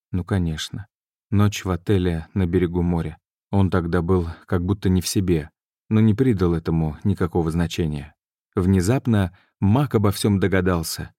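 Deep-voiced male audiobook narrator. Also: mellow, no echo, studio quality. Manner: measured, deliberate reading. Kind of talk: scripted narration.

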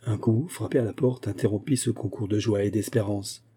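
Male audiobook narrator, measured, mellow dark tone. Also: on the low side, steady tone, breathy edge. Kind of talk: scripted narration.

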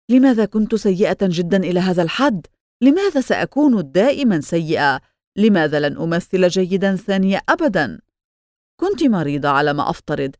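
A woman's voice: medium pitch, a little mellow, dry recording. Woman reading moody young man, proud, bitter, dry close sound. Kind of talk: audiobook character reading.

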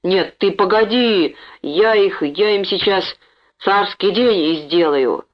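A woman voicing a drunk, violent young male bandit who snarls and shouts threats. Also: medium pitch, slow pace, close to an everyday voice. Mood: menacing. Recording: dull lo-fi recording.

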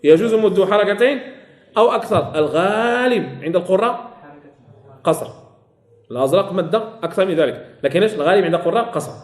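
A man's voice: high voice, animated, quick pace, roomy sound. A man teaching a classroom lesson on Quran recitation rules, repeating key phrases and quizzing his students.

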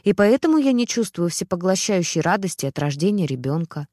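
A worn-out young father speaks in short, flat, tired phrases, as a woman narrator reads his lines. His words come out clipped and weary. The sound is close and dry. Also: on the low side, a little fast, no room sound. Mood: brooding.

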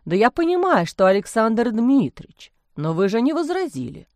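A woman voicing a stern bearded village priest, a weary middle-aged man who grumbles slowly and gravely. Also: on the high side, big pitch swings, a little mellow, no echo, studio quality. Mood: grumbling. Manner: gruff grumbling, slow and grave.

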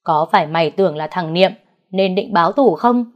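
A woman voicing an enraged old father who shouts harshly at his son. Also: lowish voice, brisk, lo-fi sound, lightly acted.

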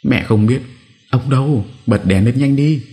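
A man's voice: mid-range voice, measured pace, warm tone, voice pushed up, lightly acted. Fields: a man voicing a firm, anxious mother. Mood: urgent. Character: middle-aged mother, anxious but firm.

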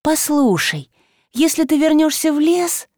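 A woman voicing a young sorceress who wails and curses theatrically at the dark. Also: sits high, animated, unhurried, no echo, clean studio sound, voice pushed up. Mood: cautious. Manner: theatrical howling and cursing.

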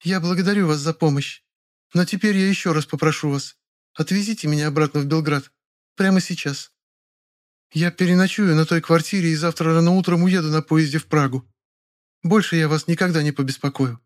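A man's voice: fairly high pitch, brisk, voice pushed up, natural voice. A man voicing a proud, tearful young foreign woman who speaks formally with a slight accent.

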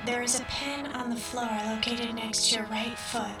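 A woman voicing a calm female rescue-team voice that gives covert instructions in a flat, measured monotone. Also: a little high, close to an everyday voice. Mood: flat instructing. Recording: echoey, distant, over loud music.

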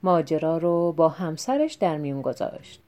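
Mellow-voiced woman narrating a folk tale. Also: deep voice, lively intonation. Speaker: audiobook narrator. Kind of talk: scripted storybook narration.

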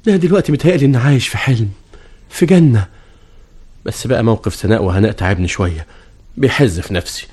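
An actor with an Egyptian accent playing a flattering middle-aged suitor in an old radio drama. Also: male voice, medium pitch, fast, long pauses, husky. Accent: Egyptian Arabic. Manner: flattering, wheedling.

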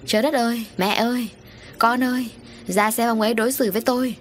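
A woman voicing an angry, wronged middle-aged wife who confronts her unfaithful husband in shrill, accusing words. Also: normal speed, slight background noise, lightly acted. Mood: wailing.

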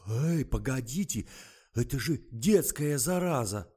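A man's voice: mid-range voice, sing-song, slow, mellow, pitched above the performer's own voice. A man voicing a flustered, pushy male publicist in an audiobook, talking in an agitated, demanding way.

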